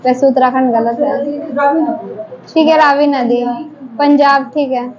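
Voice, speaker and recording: A woman teacher running a quick quiz drill in a classroom, briskly prompting students to answer one after another. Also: high-pitched, fairly even intonation, a crowd in the background. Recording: dull lo-fi classroom recording, faint noise.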